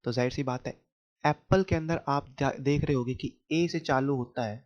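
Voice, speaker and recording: A man with an Indian accent teaching children letter sounds in a slow phonics lesson, explaining patiently and checking whether they understood. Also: mid-range voice. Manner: explains patiently, asks questions back to kids. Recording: dull lo-fi home recording.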